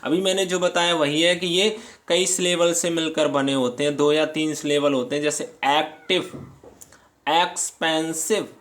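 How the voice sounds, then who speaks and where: A man teaching English grammar, explaining slowly and patiently, reading example sentences aloud and checking in often with his listeners. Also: a little high, steady tone, fairly bright tone. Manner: slow, patient, reads English lines aloud then explains; checks in often with "theek hai". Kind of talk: grammar lesson explained in Hindi.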